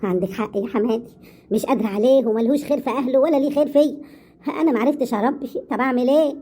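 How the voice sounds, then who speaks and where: A woman's voice: high-pitched, very fast, mellow, breathy edge. A woman with an Egyptian accent voicing a middle-aged woman who pleads and complains. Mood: pleading. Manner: plaintive, pleading.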